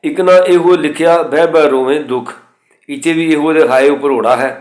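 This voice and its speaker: A man teaching the pronunciation of scripture, reciting verses slowly and spelling out letters and vowel signs methodically. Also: fairly high pitch, fairly even intonation, a little mellow, roomy sound. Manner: slow chanted recitation of verses between explanations. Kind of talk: recorded lesson on scripture pronunciation.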